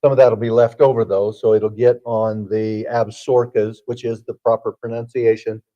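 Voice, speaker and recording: A man's voice: lowish voice, level tone, normal speed, highs cut off. A man working as a TV meteorologist, explaining the forecast in a folksy way with frequent fillers. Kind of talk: broadcast weather chat.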